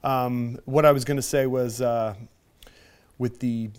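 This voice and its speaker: A man talks through a movie in a relaxed podcast chat, stopping often with fillers and restarts. He loses his thread now and then but keeps going in an even, ordinary voice. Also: mid-range voice, unhurried, clear, resonant tone. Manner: hesitant, loses his train of thought. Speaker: podcast co-host.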